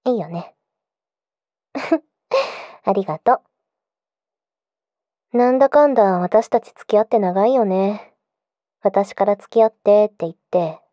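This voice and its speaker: Woman acting mellow pillow-talk yandere girlfriend, close-up. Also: mid-range voice, dry recording, close to an everyday voice. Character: clingy, possessive yandere girlfriend turned stalker. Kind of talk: intimate pillow-talk role-play for the listener.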